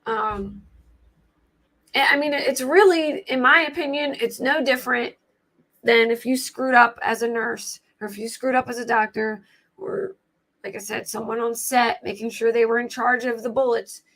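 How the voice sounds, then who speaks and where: A woman with an American accent hosts a casual true crime livestream, rambling informally as she thinks aloud and chats about cases. Her voice is scratchy today, a little high and a bit bright, with fairly even intonation at a moderate pace.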